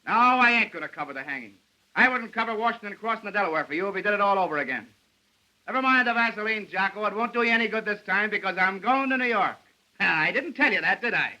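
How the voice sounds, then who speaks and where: A cocky, scornful newspaperman in a 1930s screwball comedy film. His voice is high and piercingly bright, full of slangy wisecracking banter, on an old film soundtrack. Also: expressive, fast talker, heavily acted, low-quality recording. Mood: mocking, scornful. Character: brash, cocky newspaperman, quick-witted and scornful. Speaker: newspaper reporter.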